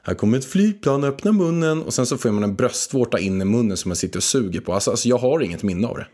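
A man co-hosting a casual podcast, joking and rambling as he thinks out loud. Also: fairly low pitch, slightly rough. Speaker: podcast co-host. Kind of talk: casual chat.

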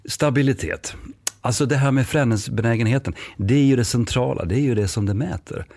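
A man's voice: mid-range voice, no room sound. En man från norra Sverige med norrländsk dialekt som pratar i en podd och livligt spelar upp dialoger när han berättar. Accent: northern Swedish. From northern Sweden. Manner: lively storyteller, acts out dialogue. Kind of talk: podcast conversation.

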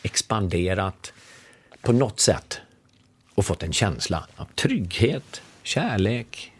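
A man in his fifties with a fairly low, husky voice, a former business consultant appearing as a guest, tells a story in conversation. He's animated and acts out the quoted dialogue.

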